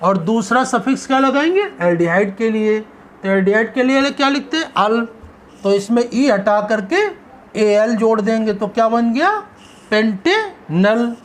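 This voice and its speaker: The high-voiced man speaking at normal speed is a chemistry teacher giving a lecture. He raises questions, supplies the answers himself, and elongates the important terms.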